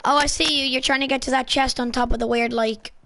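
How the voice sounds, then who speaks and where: A woman with a high, sharply bright voice chats with her squad mid-game. She fires off loot callouts and excited little cheers in short bursts, casual and unscripted. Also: vocal fry, no echo. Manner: excitable, quick exclamations and callouts. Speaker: gamer streaming her own play. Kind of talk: casual gaming chat with teammates.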